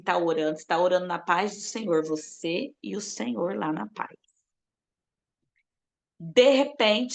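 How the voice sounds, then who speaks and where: A woman teaching a live online class on prophetic intercession, lively and playful, addressing viewers in the chat by name. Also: mid-range voice, vocal fry.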